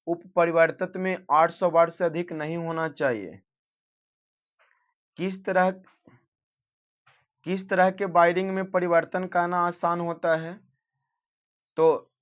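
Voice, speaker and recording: Man reading out exam practice answers. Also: on the high side. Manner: reads questions then gives answers, self-correcting. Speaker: teacher. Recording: dull lo-fi recording.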